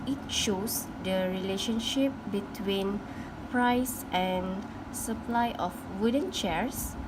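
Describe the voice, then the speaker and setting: A young woman, a university student, giving a class presentation on a graph, halting and restarting as she explains. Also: mid-range voice. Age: young adult. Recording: noisy phone recording with hum.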